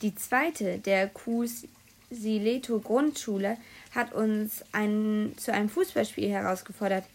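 A woman's voice: medium pitch, slow. A woman reading aloud, voicing a weary male schoolteacher who sighs and speaks patiently. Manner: sighing, patient.

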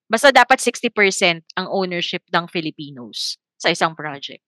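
A woman's voice: lowish voice, lively intonation, normal speed, pushed and bright, dry recording. A woman co-hosting a casual podcast chat, explaining points patiently and laughing easily.

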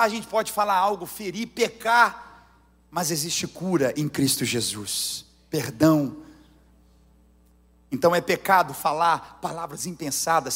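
A Brazilian man preaching a sermon as pastor, emphatic, swinging from hushed lines to near shouts. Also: fairly high pitch, breathy edge. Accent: Brazilian Portuguese. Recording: long hall reverb.

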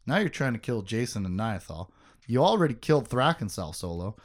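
A man's voice: lowish voice, big pitch swings, brisk. A man hosting a podcast, recapping a book in casual chat, joking, laughing often and swearing.

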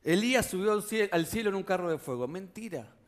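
A preacher with a Rioplatense Spanish accent and a fairly high voice for a man. He delivers his sermon in a relaxed, conversational way and keeps checking in with the congregation through rhetorical questions. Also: a little fast.

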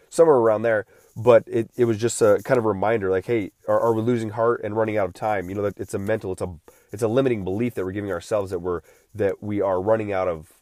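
A podcast host in his late thirties, with a fairly low pitch and darkish tone, rambles through a casual solo episode, restarting often and using fillers while recovering from feeling unwell. The recording is dry and studio-clean.

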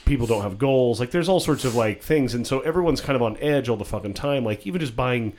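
A man's voice: medium pitch, expressive, fast, a little mellow. A man co-hosting a casual chat, wry and opinionated, with plenty of swearing.

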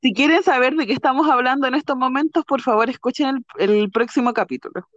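A Chilean woman co-hosts a relaxed podcast chat in a slightly raised voice. She stays calm, with dry humor and soft laughs. Her mic sounds dull and a little muffled, close and dry. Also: high voice, quick pace, no room sound. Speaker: podcast co-host. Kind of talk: casual chat.

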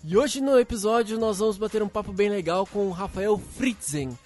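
High-voiced upbeat male podcast host. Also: moderate pace, a little mellow, soft background music. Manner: upbeat, playful, cheers for applause. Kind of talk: casual podcast chat.

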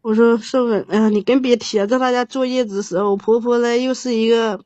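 Thirties woman caller, rambling, halting delivery, dull dry lo-fi sound. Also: a little high, fairly even intonation, warm tone, dry recording. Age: 30s. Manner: rambling, halting, many restarts. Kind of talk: emotional advice call.

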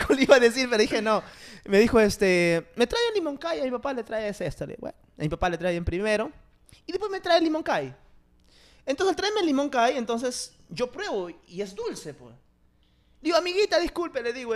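A young man tells a story in a casual chat. His pitch swings widely as he acts out the other people and laughs along. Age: 20s. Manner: animated storyteller, laughs often, acts out quotes.

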